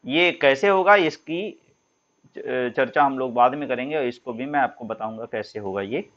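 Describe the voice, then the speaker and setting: A man's voice: mid-range voice, normal speed, fairly bright tone, lo-fi sound. A man teaching Sanskrit grammar in a classroom style, patiently explaining and drawing out example sounds for students. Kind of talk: classroom lesson.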